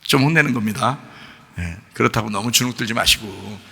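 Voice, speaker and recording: A male pastor preaching a sermon, firing sharp questions at the congregation and switching between loud rebuke and quiet explanation. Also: on the low side, brisk, creaky, husky, big-room sound. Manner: exhorting, swings from shouted rebukes to soft explanation; addresses listeners directly with sharp questions. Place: church sanctuary.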